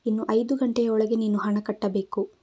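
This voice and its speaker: A firm, formal male doctor delivers serious news plainly, as a woman reading an audio story puts him on. The voice stays mellow and low-key. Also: fairly even intonation, normal speed, breathy edge. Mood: grave.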